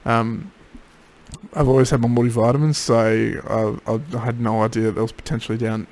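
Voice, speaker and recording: Male, casual video diarist, worn out after throat surgery, creaky mid-pitched voice, low energy. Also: level tone, moderate pace, darkish tone. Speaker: patient keeping a recovery video diary. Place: home office.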